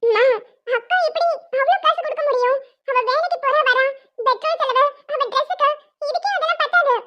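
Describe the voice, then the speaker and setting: In a cartoon, a woman voices an earnest little boy loyally pleading for his elder sister. Her pitch is extremely high and her pace fairly quick, captured in dull lo-fi sound.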